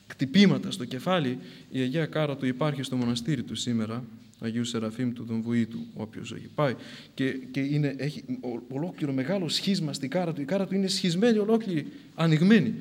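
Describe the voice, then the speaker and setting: A man preaching a sermon, telling a saint's story with swings between loud outbursts and hushed asides. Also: mid-range voice.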